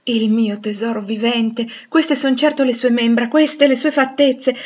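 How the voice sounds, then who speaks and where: A woman reading the part of a blind, passionate man who cries out loudly and urgently. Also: medium pitch, steady tone, moderate pace, breathy edge, lo-fi sound. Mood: yearning. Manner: loud, imperious, then breathless with joy. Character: blind anguished middle-aged man, passionate.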